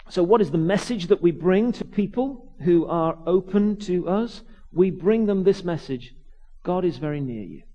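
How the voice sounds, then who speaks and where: A man preaches as he tells a personal story, his voice high for a man and swooping through a wide, lively range. He acts out every character and stumbles over restarts as the story runs away with him. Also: normal speed, few pauses, dull audio. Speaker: vicar. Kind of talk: storytelling sermon.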